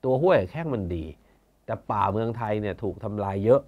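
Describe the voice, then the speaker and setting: In a muffled recording, a man heading a conservation foundation recounts things casually and bluntly, now and then imitating officials he quotes. His voice sits on the low side, brisk, with lively intonation.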